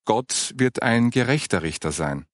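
A man's voice: mid-range voice, lively intonation, measured pace, no echo, studio quality, lightly acted. A man reading a patient, earnest woman. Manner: earnest, gentle explaining. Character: patient woman explaining faith. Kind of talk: audiobook character reading.

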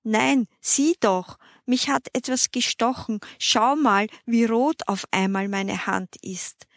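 Lady reading as a stung little girl, kinda whiny, slow, slightly high voice. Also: steady tone, dry recording, studio quality. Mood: plaintive. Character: young girl stung by an insect.

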